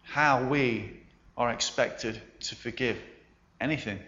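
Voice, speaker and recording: A man preaching a sermon, telling a story with emphatic pauses and soft endings. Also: mid-range voice. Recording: roomy, slightly dull sound.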